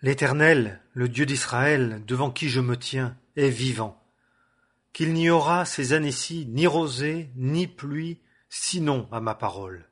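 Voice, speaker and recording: A stern, fervent prophet speaks in a grave, declaiming way, as a man reading scripture aloud gives him voice. The tone is a little husky and breathy, with a middling pitch. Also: measured pace, a bit bright. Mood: solemn.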